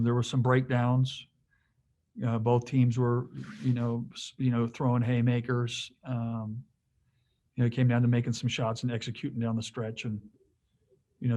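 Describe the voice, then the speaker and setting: A man's voice: mid-range voice, mellow, a little hiss or hum. A male head basketball coach answering questions at a postgame press conference, rambling with lots of fillers and restarts, joking now and then.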